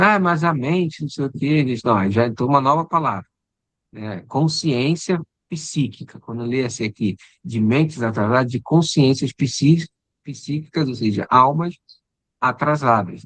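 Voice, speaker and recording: Husky guy running a spirit study group, dry sound, chatty, keeps asking "right?". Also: medium pitch, moderate pace, no room sound. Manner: conversational, repeats "né?" and "entendeu?", trails off quietly. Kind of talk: casual spiritual study discussion.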